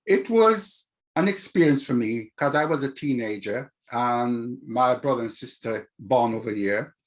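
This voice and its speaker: A man's voice: mid-range voice, a little slow. An older man with a Caribbean accent, talking reflectively as an interview guest about his own experience. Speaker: interview guest, community activist.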